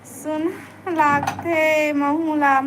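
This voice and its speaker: A woman's voice: sits high, level tone, extremely slow, background noise. A woman with a Chhattisgarhi accent chatting casually on a live stream, coaxing viewers to stay and like the stream. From Chhattisgarh, India.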